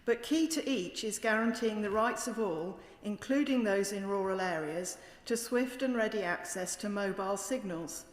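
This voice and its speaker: A woman's voice: medium pitch, normal speed, few pauses. British woman giving an echoey parliamentary speech. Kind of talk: formal parliamentary debate speech. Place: large indoor debating chamber. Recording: echoey chamber with long reverb.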